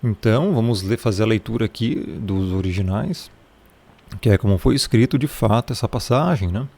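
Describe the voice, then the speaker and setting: A man's voice: lowish voice, moderate pace, gravelly, darkish tone. A man teaching a casual Bible lesson, explaining Greek pronunciation in a conversational way and repeating his points.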